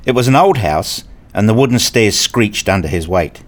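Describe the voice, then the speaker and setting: In a radio play, a man with a lowish, expressive voice close to his everyday one narrates and acts out his own scripted story as its main character, an eager, earnest married father and hobbyist who is a little rueful. He speaks at a moderate pace in a descriptive mood.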